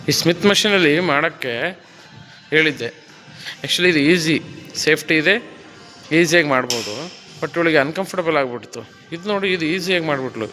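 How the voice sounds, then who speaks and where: A man's voice: on the high side, bright, forceful tone, in a large hall. A man working as a fitness trainer, counting reps and coaxing and teasing his client through a workout in a gym. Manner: counts reps, coaxes and teases the client playfully.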